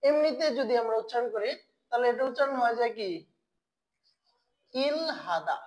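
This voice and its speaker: A woman's voice: fairly high pitch, a little mellow, poor audio. Woman teacher, question-and-answer style. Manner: asks the class questions and answers them herself; slow, drawn-out spelling of syllables. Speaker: Korean language teacher. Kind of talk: online language lesson.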